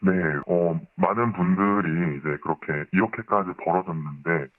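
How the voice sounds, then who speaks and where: Speaking anonymously in a radio news interview, a former member of a religious group gives testimony in a polite, formal, explanatory manner at normal speed. His voice is digitally disguised, pitched down by modulation to sound deep. The sound is muffled and band-limited, with a roomy echo.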